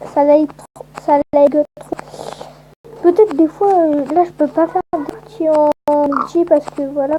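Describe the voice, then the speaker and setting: A woman's voice: high voice, dark tone, slight background noise, rough recording. A woman giving casual, rambling let's-play commentary with lots of hesitant fillers. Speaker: gameplay commentator.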